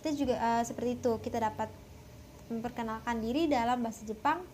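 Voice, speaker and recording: A young woman from West Java explaining a language lesson, often pausing with filler sounds. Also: a little high, warm tone, slight background noise. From West Java, Indonesia. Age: young adult. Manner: hesitant, many filler sounds. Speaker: language teacher.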